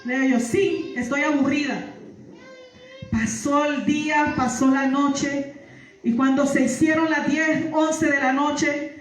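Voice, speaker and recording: In a strongly reverberant hall, a woman delivers her church testimony from a distance to the microphone. Her voice is high-pitched and steady, her pace slow, and she repeats her words and shouts praise with growing fervor.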